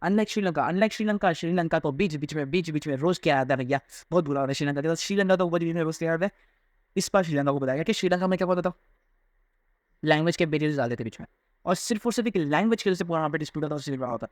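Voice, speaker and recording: A young man teaching a textbook chapter to students. He reads English passages slowly, then explains quickly in Hindi, talking directly to the class. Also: on the high side, no room sound, studio quality.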